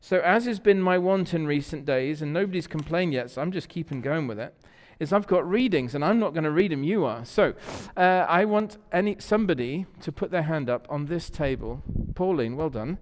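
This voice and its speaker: With slight background noise and church hall reverb, a man preaches in a church sanctuary in a fairly high, expressive voice, a little fast and with hardly any pauses. As pastor, he gives a conversational sermon full of warm stories, repeating words as he searches for the next one.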